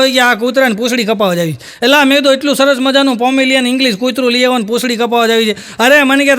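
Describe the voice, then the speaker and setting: A male stand-up comic with a rural Saurashtra Gujarati accent, his voice pitched very high and ringing bright. He tells jokes live and jumps into raised voices for the characters he quotes. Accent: Gujarati, Saurashtra rural dialect. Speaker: stand-up comedian. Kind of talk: live stand-up joke telling.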